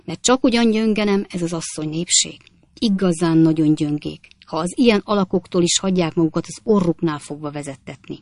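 A woman voicing a grumpy old man who grumbles gruffly. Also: lowish voice, darkish tone, dry recording, close to an everyday voice. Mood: grumbling.

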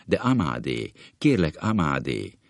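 A frightened woman coaxes, then pleads in a panic, her voice lurching up and down, as a man reading a comic play puts her on. Under it runs his deep, gravelly tone on a dry, close mic. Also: very animated, no room sound, full character voice. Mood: soothing. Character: frightened, flustered woman hushing her lover.

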